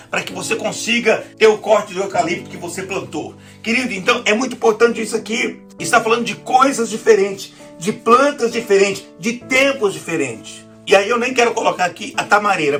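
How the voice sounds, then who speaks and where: A woman's voice: mid-range voice, fairly bright tone. A woman with a Brazilian accent preaching a sermon, often calling her listeners "querido" and asking for amens. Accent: Brazilian Portuguese.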